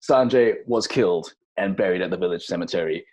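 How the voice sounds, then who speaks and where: A low-pitched man runs a tabletop role-playing session over a video call. He jokes easily and pads his lines with relaxed fillers. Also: a little fast, slight background noise. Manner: relaxed, joking, hesitant fillers. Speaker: dungeon master.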